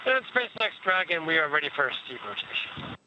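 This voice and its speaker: A man's voice: a little high, very animated, fairly quick. Guy astronaut on crackly space radio, dull sound, lots of noise, short procedure callouts. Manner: clipped, procedural radio phrasing. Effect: spacecraft radio link. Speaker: astronaut crew member. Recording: noisy, muffled space radio link.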